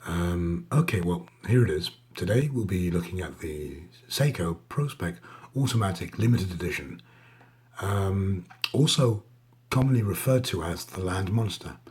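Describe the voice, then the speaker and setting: A man giving a casual, hesitant watch show-and-tell, his voice husky, thick and strained from a sore, swollen throat. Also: sits low, lively intonation, a little slow, darkish tone. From Denmark. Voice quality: husky, raspy. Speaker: watch reviewer.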